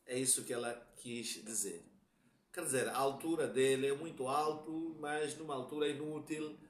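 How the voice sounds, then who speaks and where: A religious teacher with a Mozambican Portuguese accent gives a lecture explaining a hadith, his medium-pitched voice steady and moderately paced in a reverberant space. He goes through it step by step, repeating points and often asking "tá claro?" to check that listeners are following.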